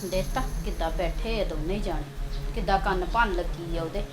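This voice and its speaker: A woman's voice: on the low side, a little fast, very noisy, natural voice. A woman playing a scheming sister-in-law who coaxes sweetly and mutters snide asides. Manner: coaxing and persuasive, snide asides.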